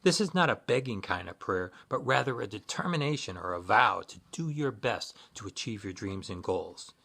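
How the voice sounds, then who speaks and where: A man giving sincere, measured spiritual guidance in a scripted instructional talk, with occasional fillers. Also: lowish voice, lively intonation, gravelly, pushed and bright. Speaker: Buddhist practitioner giving guidance.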